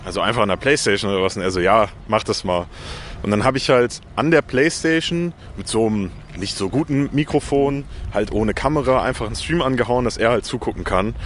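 A young man with a deep voice, talking casually as a gaming YouTuber, with slang and English loanwords. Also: a little fast, slight background noise. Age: young adult. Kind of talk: casual interview talk.

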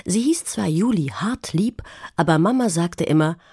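A woman narrating a children's audio story in a scripted, expressive storytelling manner. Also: fairly low pitch, moderate pace, husky, no room sound, clean studio sound.

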